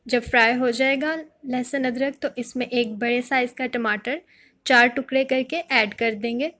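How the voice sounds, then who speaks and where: A woman with a fairly high voice talks through a home recipe as a voice-over. She explains each step calmly and plainly, like a cooking channel host guiding viewers at home. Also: measured pace. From Pakistan. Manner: calm step-by-step instruction.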